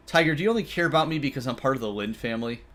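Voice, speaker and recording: A man reading the hesitant, questioning lines of a timid, gentle teenage boy protagonist. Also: mid-range voice, expressive, rapid-fire, soft background music, natural voice. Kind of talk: reading visual novel dialogue aloud.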